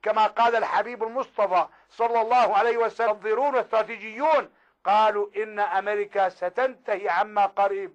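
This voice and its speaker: Fast high man, lo-fi sermon. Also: steady tone. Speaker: preacher.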